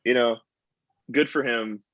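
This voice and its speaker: A man's voice: mid-range voice, steady tone, measured pace, fairly bright tone, no echo, highs cut off. A man from the United States chatting casually with a friend on a call, rambling with lots of "like" and "you know". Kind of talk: casual chat.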